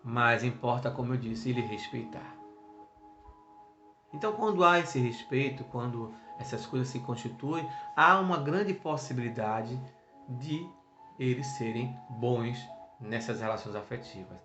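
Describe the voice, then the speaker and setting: A man giving an earnest spiritist lecture, acting out short bits of dialogue with sudden rises in pitch and loudness. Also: expressive, a little slow, roomy sound, music in the background.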